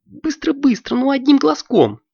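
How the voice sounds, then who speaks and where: An impatient young girl wizard squeals and gushes. Her voice is pitched very high and leaps about wildly. The recording is dull and dry, like a lo-fi audiobook. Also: sing-song, normal speed, creaky, a little mellow, no room sound, exaggerated voice. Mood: eager. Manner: shrill, gushing, always hurrying others.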